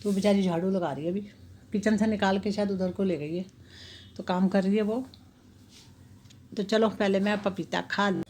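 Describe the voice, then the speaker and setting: A woman's voice: medium pitch, fairly even intonation, normal speed, pauses often, darkish tone, slight background noise, rough recording. Chatty middle-aged woman home vlogging. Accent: Delhi Hindi. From India. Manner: chatty, describes chores step by step. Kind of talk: casual home vlog narration. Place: home kitchen and balcony.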